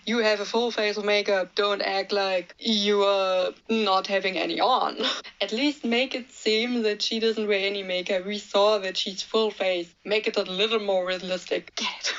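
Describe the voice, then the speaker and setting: A woman's voice: medium pitch, a bit bright, lo-fi sound. A young woman casually recapping a movie in a blunt, sweary, laughing way. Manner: blunt, sweary, laughs at her own jokes. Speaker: movie reviewer.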